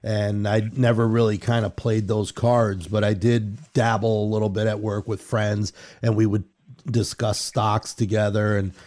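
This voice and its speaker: A man's voice: on the low side, normal speed. A middle-aged man hosting a casual interview, laughing often and joking about himself. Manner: laughs often, animated and self-deprecating. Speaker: podcast host.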